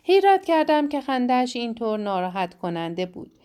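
A woman narrating a first-person book in a measured, plain reading. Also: on the high side, sing-song, darkish tone, clean tone. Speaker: audiobook narrator.

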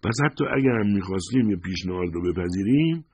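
A man's voice: low voice, lively intonation, a little mellow, husky, no room sound, voice pushed up. A man voicing a curious, probing young male official in an audiobook. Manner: probing, inquisitive. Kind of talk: audiobook character voice.

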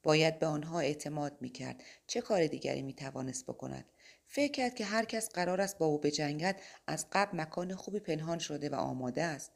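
A woman narrating a spiritual novel as an audiobook, reading in a steady, measured way. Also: low-pitched, gravelly.

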